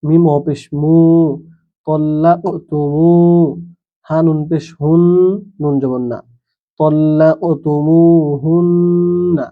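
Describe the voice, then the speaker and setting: In narrow, tinny audio, a man whose voice sits on the high side teaches Quran reading at a moderate pace with fairly even intonation. He spells out every letter and vowel mark, blends the syllables together, and offers simple explanations between the drills.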